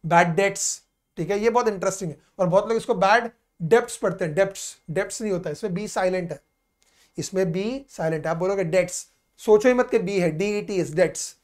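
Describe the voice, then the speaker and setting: A male tutor takes students through an accounting lesson. He repeats key ideas and addresses the class fondly as "beta." When a textbook definition comes up, he slows down and reads it word by word. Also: sits high. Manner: patient, repetitive explaining, calls students "beta"; reads English definitions slowly and deliberately. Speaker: commerce teacher. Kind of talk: classroom lecture in mixed Hindi and English.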